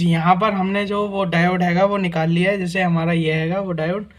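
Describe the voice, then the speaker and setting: His voice sits high and sounds a bit bright as he runs a casual hands-on repair tutorial. He goes through the tests step by step, frequently checking in with "guys" and "theek hai na."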